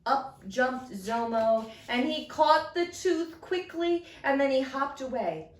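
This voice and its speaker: Animated, slow-paced woman telling a trickster tale. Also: high-pitched. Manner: dramatic, expressive storytelling with deliberate emphasis. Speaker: storyteller reading a picture book. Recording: roomy echo, mic at a distance.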